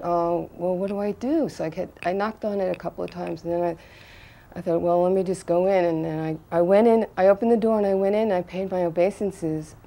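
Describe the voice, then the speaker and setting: An older woman telling a personal anecdote, earnest and halting, with restarts and bursts of excitement. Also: fairly low pitch. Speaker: devotee recalling a memory.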